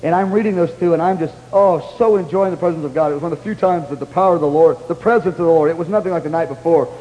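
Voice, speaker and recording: Excited high-voiced man preaching in a hall. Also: rapid-fire, highs cut off, a little hiss or hum. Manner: animated storytelling, breaks into high excited exclamations. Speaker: pastor. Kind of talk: sermon testimony.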